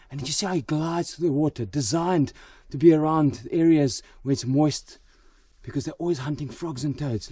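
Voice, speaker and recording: A man presenting wildlife to camera outdoors at night, full of wonder and often dropping to a hushed, gentle voice. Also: on the high side, breathy edge, distant mic. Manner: awed, repeats exclamations of wonder. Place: outdoors at night in a forest by water.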